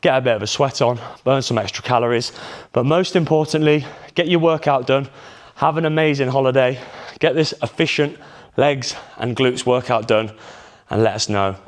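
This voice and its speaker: A man's voice: medium pitch, moderate pace. A man coaching a workout, a little out of breath, upbeat and counting reps. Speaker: fitness coach. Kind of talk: workout instruction. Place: outdoors in a hot holiday spot.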